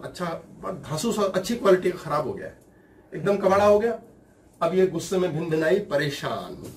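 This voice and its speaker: A man giving a motivational talk, telling a household story with lively, quick mimicking voices. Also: a little high, far from the mic, a little hiss or hum. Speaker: motivational speaker.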